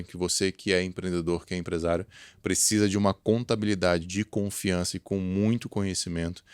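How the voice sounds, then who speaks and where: Deep-voiced Brazilian podcast host. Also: male voice, clean tone, no echo, clean studio sound. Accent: Brazilian Portuguese. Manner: conversational, affirming with short interjections. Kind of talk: podcast interview, hosting.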